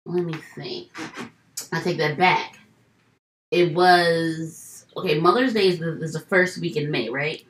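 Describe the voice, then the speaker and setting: A woman in casual chat as a podcast co-host, rambling and animated, often correcting herself. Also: sits low, a little slow, echoey room, a little hiss or hum, low-quality recording.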